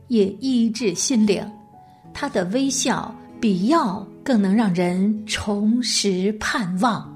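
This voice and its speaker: A woman hosting a radio program, telling a biography as scripted narration in a gentle, measured way. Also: medium pitch.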